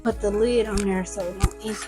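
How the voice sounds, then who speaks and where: A woman's voice: mid-range voice, fairly even intonation, fairly quick, loud music behind the voice. Tired, chatty woman cooking at home. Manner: rambling, chatty, talks straight to viewers. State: tired, yawning. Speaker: cooking vlogger. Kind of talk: casual cooking chat. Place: home kitchen. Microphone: camera close by.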